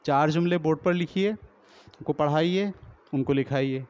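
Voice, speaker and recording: A man training teachers, explaining step by step, asking and answering his own questions and sounding out drill words slowly, with a Pakistani Urdu accent. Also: fairly high pitch, darkish tone, clear, resonant tone. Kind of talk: lecture on teaching reading. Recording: dull lo-fi recording.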